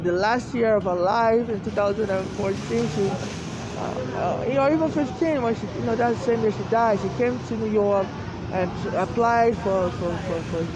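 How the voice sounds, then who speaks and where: A woman from Africa giving a rambling, aggrieved personal monologue, halting and often repeating herself, outdoors in the rain. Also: medium pitch. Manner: repetitive, halting and restarting, aggrieved. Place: outdoors on a city street in the rain. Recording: noisy outdoor street with traffic.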